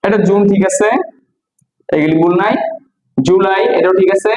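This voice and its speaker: A man with a Bangladeshi accent teaching English pronunciation, repeating words slowly for practice. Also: high-pitched, a little mellow. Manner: drills words slowly with repetition. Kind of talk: pronunciation lesson. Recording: echoey room with faint noise.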